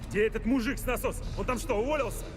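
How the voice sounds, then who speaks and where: An actor playing a gruff, irritable, foul-mouthed game hero who grumbles in an exasperated, sardonic way. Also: male voice, very high voice, racing. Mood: irritated. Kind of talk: video game acting. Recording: loud music over the voice.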